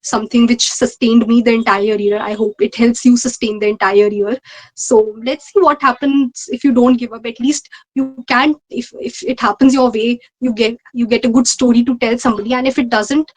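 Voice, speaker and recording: A woman's voice: on the high side, poor audio. A young adult woman with an Indian accent giving earnest, conversational interview answers, repeating phrases for emphasis. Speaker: interview guest, medical postgraduate exam ranker.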